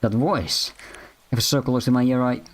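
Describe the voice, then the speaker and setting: A man's voice: medium pitch, normal speed, natural voice. A man reading an anxious young detective. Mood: tense.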